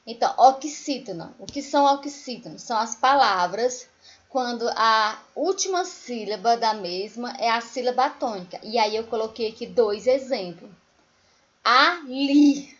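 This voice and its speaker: A woman primary school teacher, giving a recorded remote lesson to children, explaining patiently and singing example words slowly. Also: a little high, lively intonation, lo-fi sound.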